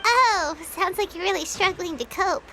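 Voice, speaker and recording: A woman voicing a tiny, cheeky, excitable childlike fairy companion in a video game, squeaky and exclamatory. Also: normal speed, very noisy. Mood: teasing. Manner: squeaky, exclamatory, speaks of self in third person. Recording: prominent music behind the dialogue.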